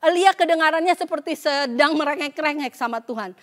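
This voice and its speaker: High-voiced woman pastor preaching. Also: a little fast. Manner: mixes English phrases into her preaching; acts out voices when quoting scripture. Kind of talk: sermon. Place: church service.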